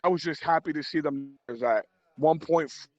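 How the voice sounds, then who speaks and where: A man's voice: fairly high pitch, normal speed, no room sound. A man talking casually over an online call that keeps breaking up into a glitchy, robotic warble. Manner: relaxed, rambling, with many fillers. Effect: glitchy, breaking-up online call audio with a robotic, autotune-like warble. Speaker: panelist calling into a live stream. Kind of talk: casual chat. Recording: dull lo-fi online call line.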